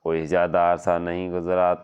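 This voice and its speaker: A man telling a religious story in a measured and solemn way. His voice sits very low and stays level, with little movement. It sounds smooth and clear. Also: completely flat delivery, a little mellow, muffled recording. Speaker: narrator.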